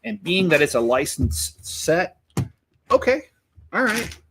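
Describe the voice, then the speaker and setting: A man's voice: high-pitched, sing-song, slow, vocal fry, noisy background. A man hosting a Lego vlog, chatting casually and a little sarcastically while he builds and weighs up new sets. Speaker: Lego channel host.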